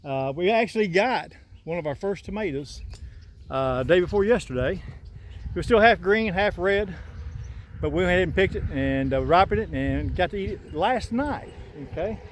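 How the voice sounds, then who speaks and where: A man's voice: sits high, lively intonation, normal speed, slight background noise. An older man with a Southern drawl, chatting in a folksy, rambling way as he walks through his garden with a phone on a selfie stick. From Southern United States. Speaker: homesteader filming his garden. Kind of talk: casual walkthrough vlog. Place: outdoors in a rural garden.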